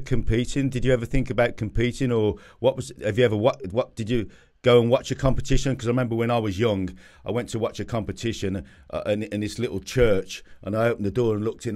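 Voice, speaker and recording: An older man hosting a casual interview, asking long, rambling questions and telling animated stories, into a studio mic in an indoor home gym. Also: lowish voice. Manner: chatty, animated storytelling questions. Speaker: podcast host, gym owner. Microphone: studio condenser mic with headphones.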